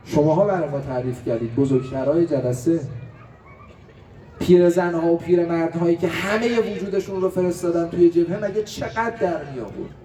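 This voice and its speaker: A man, a cleric, preaching a religious sermon to a gathering with impassioned rhetoric that swings between loud and quiet. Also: fairly high pitch. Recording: echoey room, distant mic, faint hiss.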